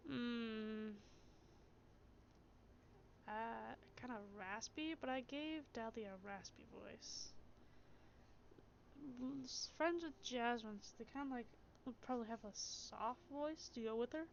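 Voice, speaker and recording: A woman streaming a narrative game, reading its text aloud and reacting in an animated, giggly way. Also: on the high side, slow pace, gravelly, long pauses, a little hiss or hum. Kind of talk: game narration and live commentary. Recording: dull lo-fi stream audio with game music.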